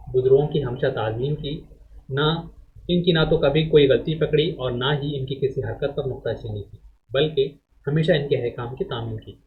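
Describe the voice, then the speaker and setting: A male teacher reads a text aloud to students and explains it, speaking in a measured lecturing way. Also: fairly high pitch. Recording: phone-like narrow band audio.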